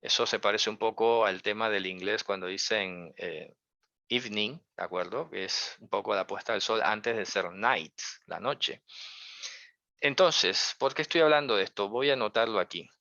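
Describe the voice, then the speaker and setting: Speaking at a moderate pace in a low, creaky, sharp voice, this man teaches a religious lesson conversationally. He asks lots of rhetorical questions, checks in with listeners, and hedges his interpretations with care, all captured in a dull, dry lo-fi recording without echo.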